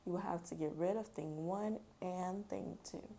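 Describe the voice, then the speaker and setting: A woman's voice: lowish voice, moderate pace, creaky, mellow, a little hiss or hum. A woman voicing a fretful, bossy pet fish in a storybook, giving urgent, exclamatory warnings. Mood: alarmed.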